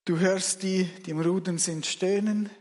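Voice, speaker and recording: A man preaching, guiding his listeners through a story in a slow, expressive voice that swings between loud and hushed. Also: high-pitched, in a large hall. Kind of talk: guided imaginative sermon.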